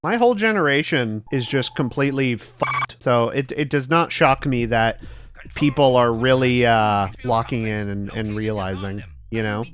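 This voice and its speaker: A man's voice: medium pitch, moderate pace. A young man chatting casually on a livestream, rambling earnestly and informally as a VTuber with some swearing. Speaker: VTuber streamer. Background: background music.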